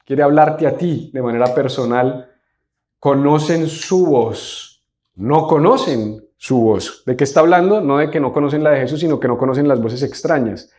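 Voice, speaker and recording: A man's voice: fairly high pitch, darkish tone. A man preaching a sermon as a pastor, emphatic, with rhetorical questions and call-and-response with the congregation. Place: church service.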